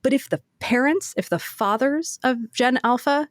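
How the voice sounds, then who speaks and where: A woman co-hosting a casual podcast discussion, animated and quick to laugh, acting out quoted answers. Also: high voice, dry recording, studio quality. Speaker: podcast co-host.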